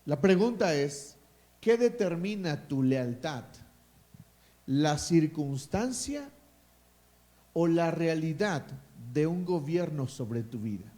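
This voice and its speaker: A man's voice: on the high side, lively intonation, slow pace, pauses often, dark tone. A man with a Mexican accent preaching a sermon as pastor, emphatic and calling for responses from the congregation.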